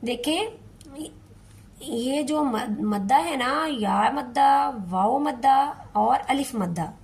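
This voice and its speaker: Her voice is high-pitched, creaky, and a little mellow as she leads a slow tajweed lesson. Step by step, she patiently says each word slowly again and draws out the Quranic lines in a chant.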